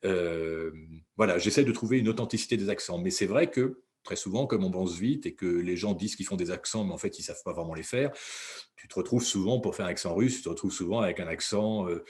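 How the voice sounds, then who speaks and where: A man's voice: deep voice, a little fast, darkish tone. A man, a voice actor and dubbing director, chatting in an interview in a rambling, self-correcting way. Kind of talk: casual interview talk.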